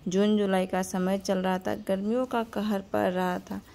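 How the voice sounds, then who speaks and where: A woman's voice: mid-range voice, little pitch movement, normal speed, vocal fry, dark tone, slight background noise. A woman narrating a simple family cartoon story in a homely, straightforward way.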